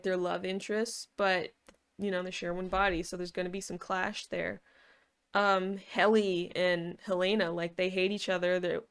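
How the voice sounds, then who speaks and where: Casual female vlogger: smooth, clear, mid-pitched, rambling and informal, hedging as she goes. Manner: informal, hedging, thinking aloud. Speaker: video reviewer.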